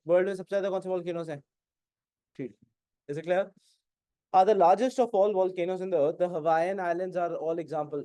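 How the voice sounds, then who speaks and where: A man with an Indian English accent teaching an exam-prep class, mixing Hindi and English and often asking whether it is clear. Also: high-pitched, dark tone, no echo. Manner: keeps asking "is it clear?", questions and answers his own prompts.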